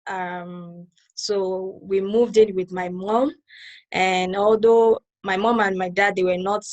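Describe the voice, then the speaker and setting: A woman from Lagos with a Nigerian accent, a new church member, gives a conversational personal account while being interviewed over a video call, circling back to clarify her points. Her mid-range voice is slow and a little mellow, with little pitch movement. The sound is lo-fi.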